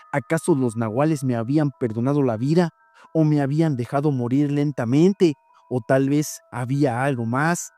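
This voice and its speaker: A man who hosts a horror story channel, reading listeners' stories in a steady, measured voice. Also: mid-range voice, no room sound. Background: faint background music.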